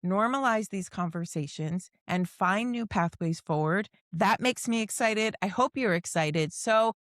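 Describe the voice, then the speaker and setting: A woman's voice: medium pitch, unhurried, no room sound, clean studio sound. A woman hosting a podcast interview, enthusiastic and welcoming as she asks questions. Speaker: podcast host.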